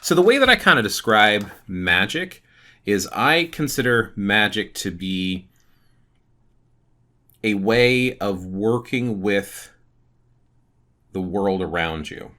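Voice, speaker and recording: A man hosting his own channel, talking through his thoughts in a thoughtful, explanatory way with frequent pauses. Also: on the low side, animated, sharp tone. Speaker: channel host. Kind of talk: casual talk to camera.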